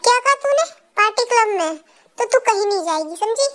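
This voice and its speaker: Strict, caring mom, voiced by a woman, very high voice. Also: brisk, fairly bright tone. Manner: scolding, protective. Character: bossy, caring middle-aged mother.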